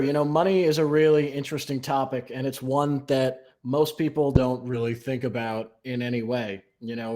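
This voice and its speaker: A man appearing as a podcast guest, explaining his ideas in a measured way with frequent "um" and "you know". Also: medium pitch, darkish tone. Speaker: guest, newsletter writer. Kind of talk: explanatory interview talk.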